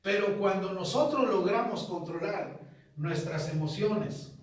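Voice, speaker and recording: A man pastor teaching a sermon, measured, repeating key phrases and putting questions to the congregation. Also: high-pitched, animated. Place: church hall. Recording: echoey church from far off.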